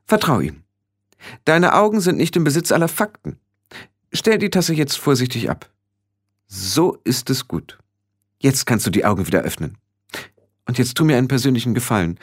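A man voicing a stern, sharp-tongued old female witch in an audiobook, speaking in firm, clipped commands. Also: mid-range voice, sing-song, moderate pace, pauses often, slightly rough, pitched above the performer's own voice. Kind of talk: audiobook reading.

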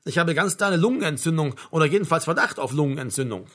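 A man's voice: a little high, lively intonation, fast, fairly bright tone. A man voicing an irritated, defiant young male patient who argues back in an indignant tone. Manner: indignant, argumentative.

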